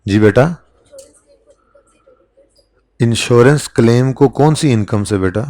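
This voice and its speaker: Speaking slowly in a warm, medium-pitched voice, a man teaches an accounting lesson in a classroom. He keeps things conversational and often pauses to check on students with "ठीक है?".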